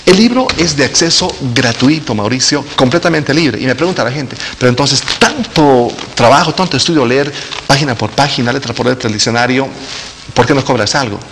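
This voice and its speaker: A man's voice: medium pitch, a little fast. A man, a linguist guest on a TV studio interview, explaining words in a didactic and playful way. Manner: didactic, playful with wordplay, chuckles often. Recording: long hall reverb, faint noise.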